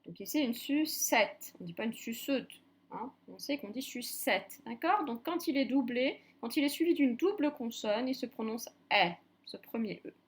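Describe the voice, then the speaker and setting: A woman's voice: a little high, expressive, normal speed, few pauses. A woman teacher giving a recorded reading lesson to young children, patiently spelling out letters one by one. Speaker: primary school teacher.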